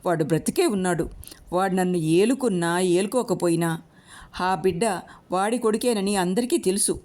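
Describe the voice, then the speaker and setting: A woman's voice: lowish voice, moderate pace, darkish tone, lightly acted. A woman voicing a poor young mother pleading tearfully for her child, in a storybook reading.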